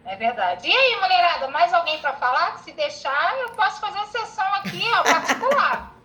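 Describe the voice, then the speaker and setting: A woman with a high, bright voice moderates a relaxed online group chat. She is chatty and laughs as she talks. She calls on the next person to speak. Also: brisk, poor audio. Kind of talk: casual online group talk.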